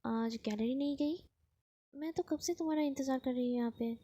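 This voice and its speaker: A woman's voice: high-pitched, a little fast, dark tone. A woman doing a teasing, taunting ex-girlfriend. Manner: playful, taunting tone. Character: teasing, pushy young woman ex-lover.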